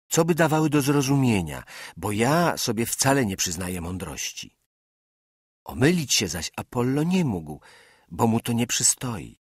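A man reading an audiobook, delivering a classical speech in a measured, oratorical manner straight to his listeners. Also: fairly low pitch, slightly rough, no echo, studio quality. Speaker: audiobook reader. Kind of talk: scripted narration of a classical speech.

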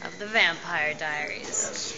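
A woman's voice: lowish voice, slow pace, gravelly, highs cut off. A young woman in her twenties, an actress filming behind the scenes, chatting playfully and teasingly. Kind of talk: casual on-set chat. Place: busy film set indoors. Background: crowd of crew chatter.

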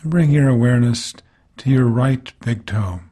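With a mid-range voice, a man acting as meditation teacher guides a body scan. He speaks calmly in gentle, unhurried phrases, leaving pauses between them.

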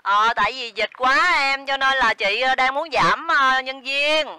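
A woman's voice: high-pitched, measured pace, sharp tone, clear, resonant tone, dry recording. A woman acting as a boss in a comedy sketch, speaking evasively and condescendingly.

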